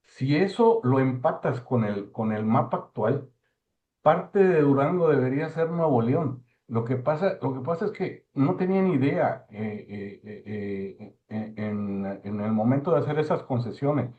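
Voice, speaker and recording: A man giving an informal talk, halting and repeating words for emphasis. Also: mid-range voice, animated. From Mexico. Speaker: speaker giving a talk on postal history. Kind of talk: informal lecture discussion. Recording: thin phone-like online call audio.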